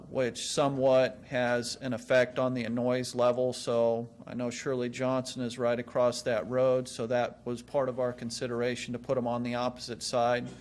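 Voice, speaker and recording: Male applicant at a meeting: monotone, medium pitch, plain explanatory delivery. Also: creaky. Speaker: applicant answering questions.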